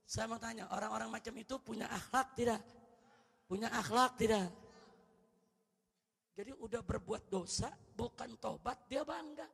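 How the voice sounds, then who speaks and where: A man preaching a fiery sermon. He shouts rebukes and drops low and soft for prayers, often calling his listeners "brothers" and asking them questions. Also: gravelly, slightly rough, in a large hall. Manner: addresses listeners as "saudara" with rhetorical questions.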